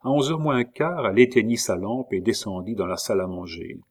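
A man reading a novel aloud as an audiobook narrator, with measured, dramatic delivery. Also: on the low side. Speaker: audiobook reader. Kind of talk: scripted narration.

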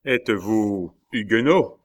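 Brief: ruthless cocky swordsman in a storybook, deep and scornful, read by a man. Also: animated, slow pace. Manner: scornful commanding delivery.

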